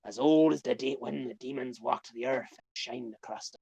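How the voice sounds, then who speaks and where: A man voicing a gruff, scheming male pirate captain in a strained, gravelly voice over an online call. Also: a little high, a little fast, fairly bright tone, dry recording. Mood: recruiting. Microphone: online call mic.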